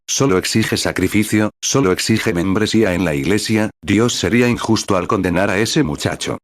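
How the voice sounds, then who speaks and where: Low-voiced man reading a sermon. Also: no room sound, clean studio sound. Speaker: sermon reader. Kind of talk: reading a translated sermon aloud.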